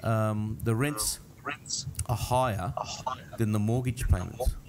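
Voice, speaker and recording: A man's voice: on the low side, steady tone, slow pace. A man co-hosting a casual podcast, blunt and mocking as he chats. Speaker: podcast co-host. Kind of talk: casual chat. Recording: noisy studio recording.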